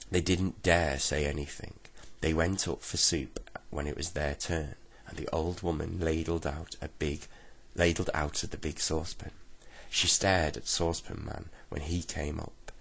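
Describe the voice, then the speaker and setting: A man reading a children's bedtime story aloud in a gentle, steady way. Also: a bass voice, unhurried, gravelly, slight background noise.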